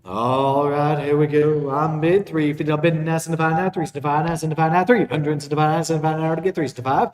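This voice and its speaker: A male auctioneer with a fairly high voice chants numbers and bid calls in a repetitive rhythm. He sounds somewhat away from the mic, and the room rings clearly around him. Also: fairly even intonation, fast talker, few pauses, background noise. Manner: repetitive rhythmic bid calling between plainly announced lots. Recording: roomy echo, distant from the mic.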